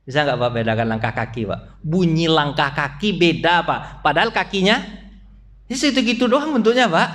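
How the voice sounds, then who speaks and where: A man preaching a dawn study sermon in a mosque, often putting questions to the congregation and calling them "Pak." He has an Indonesian accent with Malay-style turns of phrase. He acts out little sounds and short quoted voices. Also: a little fast. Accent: Indonesian with Malay-style colloquialisms. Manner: lively, swings between loud high peaks and low quiet asides. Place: mosque hall.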